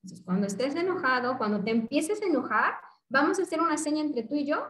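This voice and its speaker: Woman psychologist, calm teaching tone, slightly high voice, echoey room. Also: quick pace. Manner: calm, didactic, acts out examples. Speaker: psychologist guest. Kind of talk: explanatory interview talk. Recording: roomy echo.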